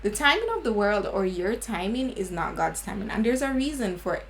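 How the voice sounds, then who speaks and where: A woman's voice: mid-range voice, animated, normal speed, creaky, slight background noise, rough recording. Jamaican woman in her twenties chatting. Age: 20s. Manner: earnest, laughing, slips into patois. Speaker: beauty vlogger. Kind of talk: casual chat.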